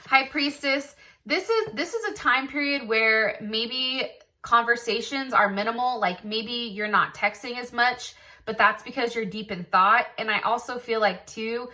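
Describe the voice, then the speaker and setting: A woman's voice: on the high side, pushed and bright. A woman giving a casual tarot reading, chatty and blunt, swearing freely and thinking aloud with lots of "like" and "I feel like". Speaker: tarot reader.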